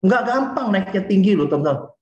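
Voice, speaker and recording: A man in his forties from Indonesia gives a chatty motivational talk and keeps speaking straight to his audience. His voice sits a little high for a man. The recording sounds dull and muffled, with plenty of room echo. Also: a little fast. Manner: lively and chatty, often addresses the listeners directly.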